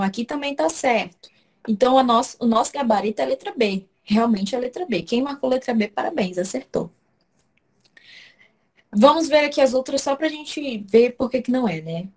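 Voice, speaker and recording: A woman's voice: on the high side, expressive, normal speed. Woman, teacher, online lesson, step-by-step explaining, frequent check-ins with students. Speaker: Portuguese teacher. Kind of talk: online class lecture.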